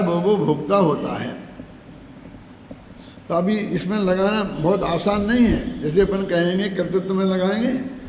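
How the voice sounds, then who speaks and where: An older man giving a scripture discourse, explaining slowly, chanting verses and asking the audience questions. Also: high-pitched, darkish tone. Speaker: Jain scripture lecturer. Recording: echoey hall, faint background noise.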